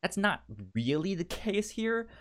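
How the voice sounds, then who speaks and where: His voice sits high and is a bit bright, with lively intonation and an unhurried pace. He co-hosts a book club podcast, talking casually, often stammering on the opening sounds of words and repeating himself.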